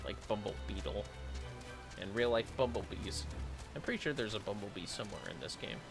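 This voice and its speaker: A man's voice: on the low side, brisk, creaky. A man giving casual, offhand live commentary as he plays a video game, with asides muttered to himself. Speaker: livestream host playing a video game. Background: game music.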